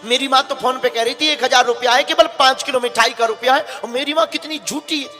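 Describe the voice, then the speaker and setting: A preacher doing an anxious young bride. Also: male voice, extremely high pitch, steady tone, brisk, bright, forceful tone. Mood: astonished. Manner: pleading, worried. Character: young newly married woman, anxious daughter-in-law. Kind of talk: sermon storytelling. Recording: long hall reverb, faint music.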